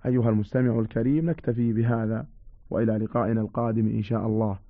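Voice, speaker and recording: A man reading a classical Quran commentary in a formal, measured way, slowing down for the quoted verses. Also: on the low side, steady tone, no echo, narrow, tinny audio. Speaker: reader of a tafsir audiobook.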